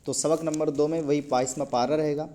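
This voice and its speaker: Man, fairly high voice, patient tutor, checks understanding, quick praise. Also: steady tone, mellow. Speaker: Quran recitation teacher. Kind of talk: one-on-one tutoring lesson.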